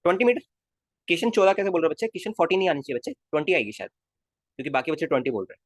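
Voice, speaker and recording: A man's voice: a little high, very animated, racing, no echo, studio quality. A male physics teacher in a casual live class, coaxing his students with constant questions and calling them kids. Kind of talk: live online class lecture.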